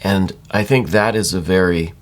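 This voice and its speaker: A man's voice: sits low, normal speed. A man giving a conversational, reassuring tarot reading in the manner of a psychic hotline, speaking directly to the listener. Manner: reassuring, addresses listener directly, frequent check-in tags. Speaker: tarot card reader.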